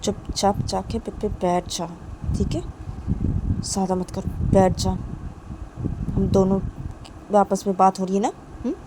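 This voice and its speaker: A woman's voice: mid-range voice, fairly even intonation, a little slow, long pauses, background noise, natural voice. A woman voicing a hot-tempered young woman who orders her sister to sit down and threatens her. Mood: angry. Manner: curt, threatening.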